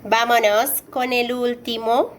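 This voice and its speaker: Woman, language teacher, very slow and deliberate drill pace, says each word clearly. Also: on the high side, flat delivery. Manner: announces each sound, then says each word slowly and clearly.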